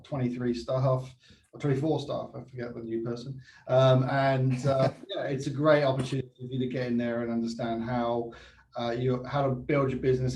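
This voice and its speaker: A man co-hosting an online meetup, speaking informally and haltingly, often repeating phrases. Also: medium pitch, dark tone. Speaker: event co-host and company owner. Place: online video call. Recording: roomy, distant mic, faint noise.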